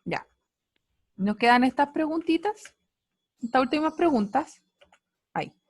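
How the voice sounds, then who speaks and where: Teaching physics online over a computer mic on a video call, a woman keeps quizzing her students in a playful, teasing manner. She has a high, expressive voice, speaks a little slowly, and the recording is dry and studio-clean.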